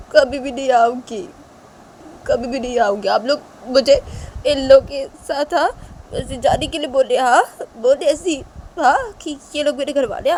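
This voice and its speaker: A woman's voice: mid-range voice, a little mellow, slight background noise, close to an everyday voice, poor audio. A woman voicing a hurt young woman who tearfully and defiantly repeats that she is leaving for good.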